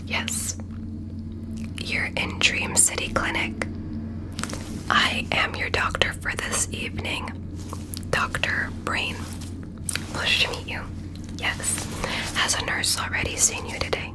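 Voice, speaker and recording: A woman whispering soothing, deliberate instructions as a doctor in an ASMR roleplay. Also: rough recording.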